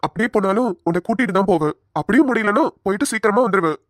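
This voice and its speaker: A woman's voice: mid-range voice, expressive, racing, no echo, studio quality, lightly acted. A woman voicing a tender young husband who soothes his worried wife in a cartoon. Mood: soothing. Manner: gentle, pleading, calls her fondly.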